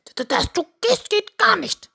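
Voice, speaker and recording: A woman's voice: high-pitched, slow, vocal fry, voice pushed up, exaggerated voice. Henry, a woman doing a quacking, eager bird. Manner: quacks between words, excitable. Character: eager fussy young male farmyard bird who quacks.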